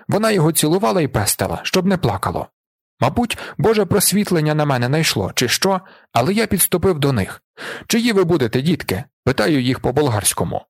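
A man reading an audiobook, voicing a gruff aging male wanderer who tells his past with vivid emotion. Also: a little high, dry recording, clean studio sound.

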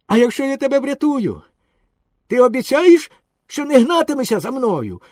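A man voicing a cheeky wooden puppet boy in an audiobook, lively and quick-witted. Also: extremely high pitch, no room sound, studio quality, pitched above the performer's own voice. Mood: wary. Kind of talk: audiobook character voice.

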